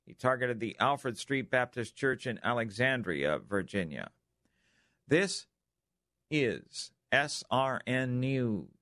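A man's voice: medium pitch, sing-song, takes it slowly, fairly bright tone, no room sound. Dry-sounding male radio news anchor. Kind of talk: scripted news reading.

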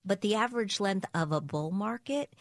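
A woman co-hosting a personal finance show, explaining market terms in a steady, clear conversational way. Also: mid-range voice, normal speed, dry recording, clean studio sound. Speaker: podcast co-host, personal finance expert.

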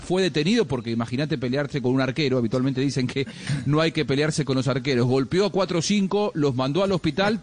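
A man's voice: on the high side, a little mellow. A man recounting sports stories conversationally, as a radio commentator does.

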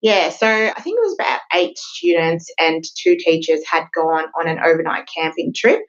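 Female co-host, lower voice, relaxed case recap, slightly muffled lo-fi sound. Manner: conversational, recounts cases with quick fillers. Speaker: podcast co-host. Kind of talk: casual legal discussion podcast.

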